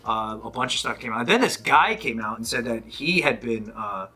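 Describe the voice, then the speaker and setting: A man's voice: mid-range voice, lively intonation, normal speed, pushed and bright. A man retelling a story in casual chat, hesitant and full of fillers.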